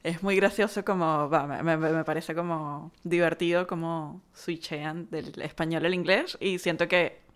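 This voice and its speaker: Playful woman with a lowish voice. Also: fairly even intonation. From Venezuela (Caracas). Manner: playful, quick to laugh, conversational. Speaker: podcast co-host. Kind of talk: casual chat.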